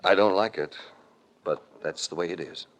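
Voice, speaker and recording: A male lead actor and narrator voices a shrewd, hard-boiled investigator in an old 1940s-50s radio mystery, heard on a vintage recording. Low-pitched and at normal speed, he's lightly acted but terse and authoritative, sounding firm and accusing.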